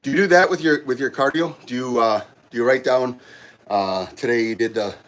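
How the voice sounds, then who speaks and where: A middle-aged man, out of breath, chatting casually with viewers of his livestream during a gym workout, halting and rambling with many restarts. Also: mid-range voice, a bit bright. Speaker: livestream host. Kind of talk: casual chat while working out on a livestream. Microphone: camera set up nearby.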